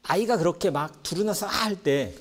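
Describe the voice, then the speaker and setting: A man preaching a sermon as pastor, telling stories with lively acted-out voices of children and parents. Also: high-pitched, normal speed. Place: church sanctuary.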